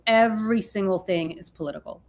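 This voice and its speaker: Brief: easygoing woman host, mid pitch, casual talk-show tone. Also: a little fast, a little mellow. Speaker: podcast host. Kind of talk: casual political chat.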